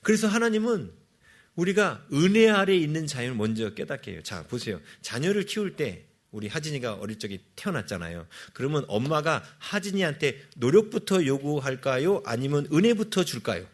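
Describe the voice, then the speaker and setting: A man's voice: on the high side, big pitch swings, fairly quick. A male pastor giving a sermon, asking the congregation questions and answering them himself.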